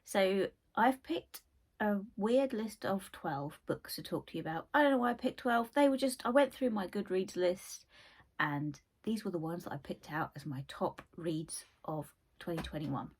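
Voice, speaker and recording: A young woman hosting a book channel chats casually about her favourite reads, rambling with lots of asides, her voice croaky from a cold. She speaks at a medium pitch and moderate pace with lively intonation and a darkish, slightly rough tone.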